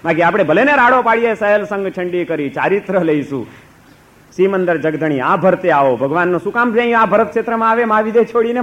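A man who is a monk, preaching an animated sermon with ironic rhetorical questions and storytelling. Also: sits high. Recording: dull lo-fi recording.

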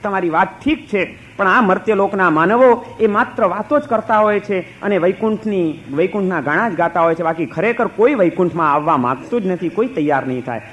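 A weary, lonely male god , as a man telling the story puts him on, speaking slowly and with resignation. His doubtful tone drags a little lower than the storyteller's own. The recording is dull and muffled. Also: lively intonation, fairly bright tone, a little hiss or hum.

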